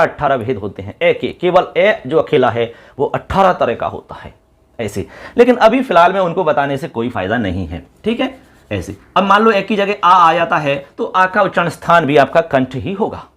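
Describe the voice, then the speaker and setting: A man teaching a lesson who keeps asking his students questions and answering them himself. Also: on the high side. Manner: lively, repeats call-and-response questions to students. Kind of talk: classroom lesson.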